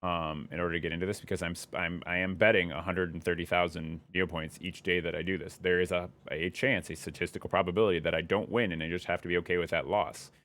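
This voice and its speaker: Young man, very low voice, casual live-stream chat, rambling, curious, thinks aloud. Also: level tone, fast, hardly any pauses, fairly bright tone.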